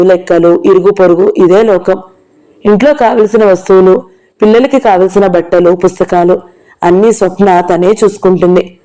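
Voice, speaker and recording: A woman narrating a novel in a steady, measured read. Her tone is dark and mellow, sitting at a middling pitch. She keeps an even storytelling pace throughout. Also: poor audio.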